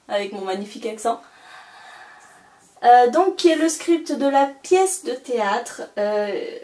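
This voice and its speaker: Chatty young woman in a roomy space. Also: on the high side. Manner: chatty, enthusiastic, many fillers. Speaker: book vlogger. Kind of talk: casual book haul vlog. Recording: roomy, a little far from the mic.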